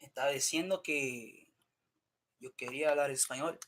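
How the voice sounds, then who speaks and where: A man's voice: medium pitch, moderate pace, a bit bright, slight background noise. A man in a casual, rambling monologue, often swearing, restarting his sentences and switching between English and Spanish. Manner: profane, rambling, restarts and self-interrupts. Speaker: streamer talking to himself.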